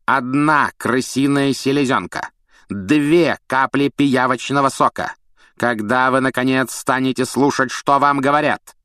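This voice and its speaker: A man voicing a stern, sneering male potions teacher, speaking in a cold, mocking, drawn-out way in an audiobook. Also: mid-range voice, fairly bright tone, no room sound, clean studio sound, lightly acted. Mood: scornful. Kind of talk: audiobook character voice.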